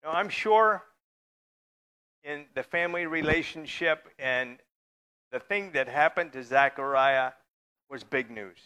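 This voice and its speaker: Bright-voiced man preaching a sermon. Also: a little high. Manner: conversational preaching, sometimes joking with the congregation. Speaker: pastor.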